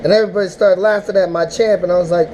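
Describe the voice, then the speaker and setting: A man casually recapping a rap battle, rambling and animated, with mock-emotional outbursts. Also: sits high, very fast, heavy background noise. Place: indoors, smoking while talking.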